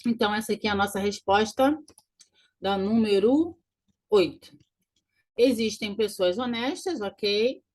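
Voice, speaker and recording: A woman teaching grammar in a recorded lesson, walking through exam answers and slowly repeating key words. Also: mid-range voice, darkish tone. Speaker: Portuguese teacher.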